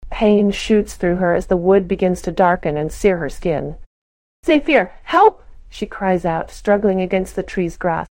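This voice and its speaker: A woman reading her character's part of a role-play story in a soft, measured way. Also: on the low side, steady tone, no echo. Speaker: player narrating her character.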